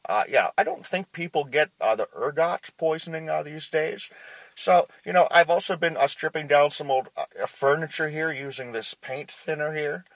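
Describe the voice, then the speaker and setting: A man's voice: a little high, normal speed, no room sound. A man voicing a nervous, quirky male publisher who rambles and stammers through a phone voicemail message. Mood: nervous rambling. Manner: hesitant, stammering, full of uh's, oddly deadpan rambling. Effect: played back as a phone voicemail message.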